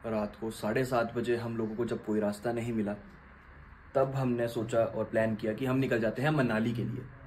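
Travel vlog guy, warm low-key voice, catching viewers up, faint car hum behind. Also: moderate pace, rough recording. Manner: steady recap, to the viewers. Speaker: travel vlogger. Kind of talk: casual travel narration.

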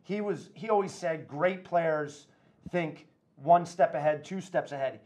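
High-voiced male podcast host. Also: measured pace, darkish tone. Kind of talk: casual interview chat. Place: studio set with wood backdrop.

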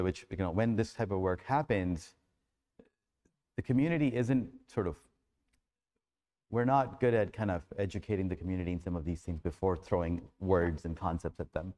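A man's voice: on the low side, a little mellow. A man speaking as a panelist in an academic discussion, conversational and thinking aloud, often restarting his phrases.

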